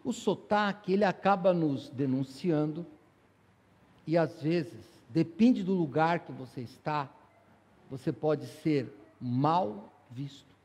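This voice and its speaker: A man preaches in a church, his fairly high voice ringing out with a long tail of reverb from the sanctuary. He drives the sermon with rhetorical questions and lively asides to the congregation. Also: takes it slowly, husky. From São Paulo, Brazil. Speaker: pastor.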